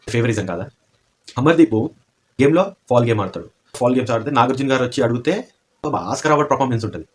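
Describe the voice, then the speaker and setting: A man giving opinionated commentary, asking pointed rhetorical questions. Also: mid-range voice.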